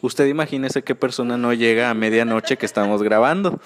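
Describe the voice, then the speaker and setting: A Mexican man co-hosts a casual podcast about pop-culture news. His delivery is sassy and campy, gossiping conversationally to listeners at a middling male pitch. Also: fairly quick. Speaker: podcast host.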